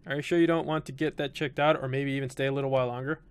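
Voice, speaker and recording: A man's voice: mid-range voice, steady tone, racing, smooth, dry recording, natural voice. A man reading the lines of a kindly, caring neighbor woman in a game, polite and insistent. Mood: concerned.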